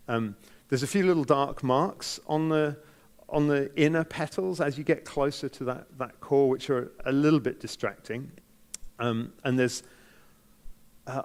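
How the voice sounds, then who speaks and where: A man with a New Zealand accent giving unscripted feedback as a competition judge, speaking in a hesitant, measured way and softening his criticism. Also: medium pitch, clean tone.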